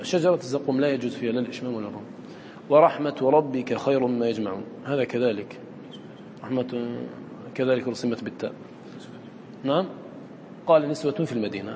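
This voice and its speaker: A man's voice: medium pitch, a little mellow, long reverb tail, a little hiss or hum. A man teaching students the rules of Quran recitation, who often quizzes his listeners and repeats his points. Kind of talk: lecture to students.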